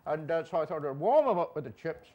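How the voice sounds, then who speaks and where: A man's voice: a little high, very animated, fast talker, lo-fi sound. A man playing a boozy, jolly old Santa Claus on a studio chat show, rambling and making self-mocking jokes.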